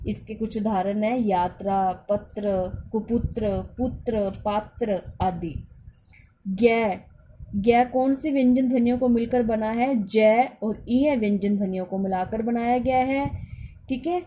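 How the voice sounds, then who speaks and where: A woman's voice: a little high, measured pace, dark tone. A woman teacher giving a grammar lesson to schoolchildren, explaining patiently, repeating her points and speaking directly to the children.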